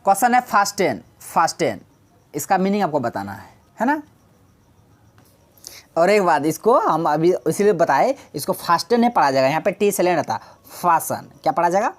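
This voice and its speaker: Woman teacher, low voice, keeps repeating words n asking her own questions, exam prep english class. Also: very animated, a little fast. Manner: explains patiently, repeats key words, asks and answers own questions.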